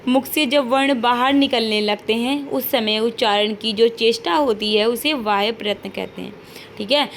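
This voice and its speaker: A woman's voice: fairly high pitch, moderate pace, slight background noise. Patient woman teacher modeling sounds aloud. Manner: checks in with frequent rhetorical questions. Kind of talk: online classroom lesson.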